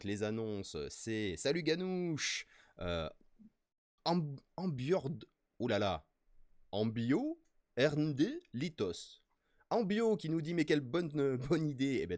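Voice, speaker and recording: Playful French man hosting a stream, low voice. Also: no room sound, clean studio sound. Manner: playful, excitable, reads chat aloud. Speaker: streamer host. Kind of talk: casual live-stream chat.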